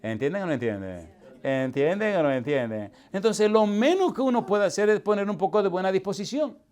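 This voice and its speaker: A man, a pastor teaching a preaching seminar to a live audience, asking constant call-and-response questions and swinging from loud to hushed. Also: high-pitched, animated, brisk. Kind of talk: lively seminar sermon. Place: church hall with live audience.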